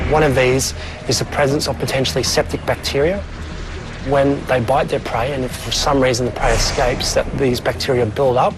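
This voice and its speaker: A man speaking as a scientific expert, explaining things in a nature documentary interview. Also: mid-range voice.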